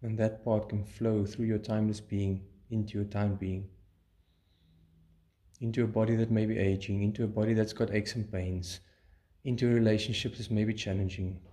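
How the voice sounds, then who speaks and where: Mellow man guiding a calm meditation. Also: fairly low pitch. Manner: calm, measured, soothing delivery with pauses. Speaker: guided meditation teacher. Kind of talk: guided meditation.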